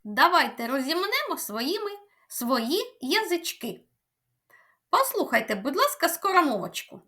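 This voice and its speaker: A woman from Ukraine teaches small children how to speak, drawing out each word in a sing-song voice. Her tone is bright and high, and her pitch rises and falls a lot. She talks slowly and carefully, the way a preschool teacher does. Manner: slow, sing-song teacherly delivery, stretching words. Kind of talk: children's speech lesson.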